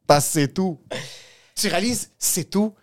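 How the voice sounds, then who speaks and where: A man's voice: sits high, a little slow. A man with a Québécois French accent in casual podcast chat, tossing in dry interjections and teasing riffs.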